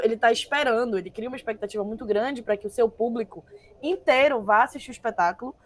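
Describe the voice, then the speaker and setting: A young woman serves as a guest and text reviser in a panel discussion, speaking in a reflective, deliberate way. Her voice is somewhat high and fairly bright, and she often restarts sentences as she thinks aloud.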